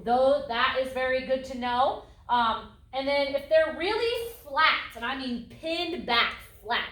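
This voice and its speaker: A woman instructor giving a calm, explanatory lecture on horses, acting out voice tones as she goes. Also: fairly high pitch. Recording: echoey room, mic at a distance.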